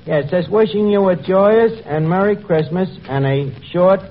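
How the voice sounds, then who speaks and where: A man's voice: sits high, normal speed, narrow, tinny audio. An actor playing a wisecracking male tavern manager who mangles his words, heard as a 1940s radio comedy broadcast. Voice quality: folksy, malaprop-prone, sly delivery. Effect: old radio broadcast sound. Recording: scratchy 1940s radio recording with live audience. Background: studio audience laughter and hiss.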